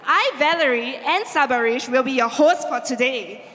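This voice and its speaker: A woman's voice: high-pitched, normal speed, fairly bright tone. A woman co-hosting an event on stage, peppy and leading the crowd. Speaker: event co-host. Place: event hall. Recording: long hall reverb.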